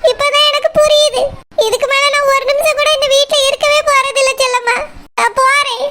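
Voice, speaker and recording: A woman's voice: very high voice, flat delivery, a little fast, sharp tone, slight background noise. A woman voicing a proud, humiliated elder daughter-in-law in a cartoon, complaining bitterly. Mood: aggrieved. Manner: aggrieved, complaining.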